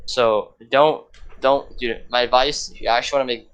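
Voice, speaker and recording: A man's voice: medium pitch, fairly even intonation, normal speed, a bit bright, clear, resonant tone. A teenage man on a podcast chatting casually, hyped up and slangy, saying bro and dude a lot. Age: teens. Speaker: podcast co-host.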